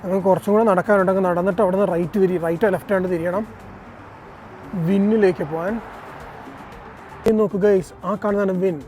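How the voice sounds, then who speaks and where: A man with a high voice gives casual travel vlog commentary in a Malayalam accent. He drops English words and phrases into his Malayalam as he addresses viewers, with music behind him. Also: fairly even intonation, brisk, long pauses, darkish tone. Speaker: travel vlogger. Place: on a city bus and busy streets outdoors.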